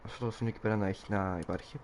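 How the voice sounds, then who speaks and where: A man's voice: fairly low pitch, fairly even intonation, background noise. A young man chatting playfully and rambling as he streams himself playing a game. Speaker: gameplay streamer. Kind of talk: casual live commentary over a game.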